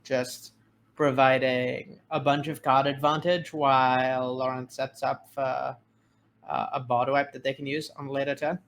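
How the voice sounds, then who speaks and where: A man gives thoughtful color commentary on a card game match, weighing options out loud with a few fillers. His voice is mid-pitched, and a faint noise sits under the recording. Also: little pitch movement. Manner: measured and analytical, frequent fillers. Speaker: game caster. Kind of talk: analytical esports color commentary.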